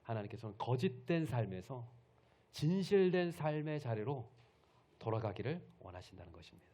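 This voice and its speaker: A man's voice: medium pitch, big pitch swings, moderate pace, warm tone. A male pastor preaching a Sunday sermon, retelling a story and putting questions to the congregation.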